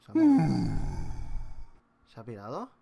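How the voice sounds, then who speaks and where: A man's voice: mid-range voice, wildly swooping pitch, moderate pace, vocal fry, mellow. A man with a Spanish accent from Spain, commenting on a horror game as he plays it, scared, muttering and yelping. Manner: jumpy, scared and muttering, with sudden yelps. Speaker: gameplay youtuber.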